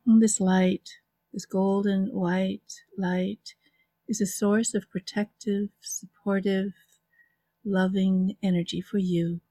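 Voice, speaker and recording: A woman leading a guided relaxation visualization in a soft, soothing, unhurried way with long pauses. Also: mid-range voice, little pitch movement, no echo. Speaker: interview guest, author and hypnotherapy practitioner.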